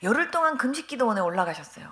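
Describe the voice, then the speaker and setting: Middle-aged woman pastor, high voice, animated testimony storyteller who acts out quoted voices. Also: very fast. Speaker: guest pastor. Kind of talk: testimony sermon. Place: church revival meeting.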